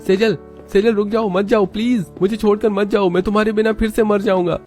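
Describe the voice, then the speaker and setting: A man's voice: a little high, a little fast, darkish tone, soft background music, pitched above the performer's own voice, lightly acted. Impassioned young husband, a man putting him on. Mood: pleading. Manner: emotional, impassioned. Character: young rich husband, lovesick and fiery.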